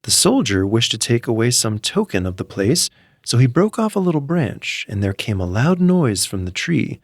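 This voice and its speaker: A man's voice: mid-range voice, sing-song, normal speed, no echo, studio quality. A man reading a bedtime fairy tale as a scripted storybook narrator.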